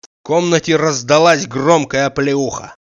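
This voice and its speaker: A man reading a classic novel aloud as narrator, expressive and theatrical. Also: on the high side, measured pace, smooth, no echo, dull audio. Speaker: audiobook narrator. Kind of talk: literary audiobook reading.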